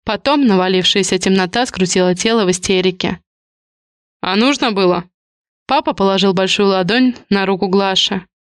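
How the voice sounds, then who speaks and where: A woman's voice: mid-range voice, a little fast, few pauses, clean tone, dry recording. Woman narrating an audiobook, dry close sound.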